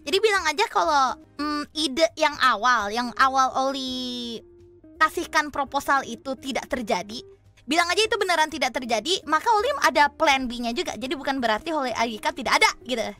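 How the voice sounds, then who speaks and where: A woman's voice: high voice, expressive, fairly quick, pushed and bright, soft background music. A young woman streamer chatting casually and animatedly. She mixes in English, acts out quoted dialogue, and calls herself by her own name. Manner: refers to herself in third person. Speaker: VTuber streamer.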